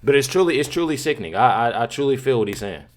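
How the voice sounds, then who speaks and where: A man's voice: medium pitch, lively intonation, quick pace, soft background music. A man hosting a reaction channel, talking casually and emphatically with many fillers and repeats. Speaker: commentary channel host.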